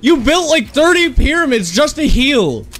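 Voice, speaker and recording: A man's voice: very high-pitched, sing-song, normal speed, fairly bright tone. A young man in a casual squad game chat, talking like a hyped, slangy gamer bro who teases his teammates, on a headset. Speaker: squad player in an online shooter game. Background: game gunfire and sound effects.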